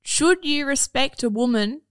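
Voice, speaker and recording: A woman's voice: high-pitched, lively intonation, a little slow. A woman, a podcast guest chatting casually in a blunt, sweary way. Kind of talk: casual chat.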